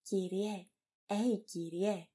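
A cheeky servant woman, blunt and teasing, voiced by a woman reading aloud. Her husky voice sits fairly high and moves a lot. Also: sing-song, dark tone. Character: cheeky, outspoken female servant.

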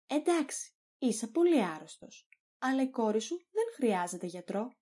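A cheeky servant woman, blunt and teasing, voiced by a woman reading aloud. Her husky voice sits fairly high and moves a lot. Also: very animated, warm tone. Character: cheeky, outspoken female servant.

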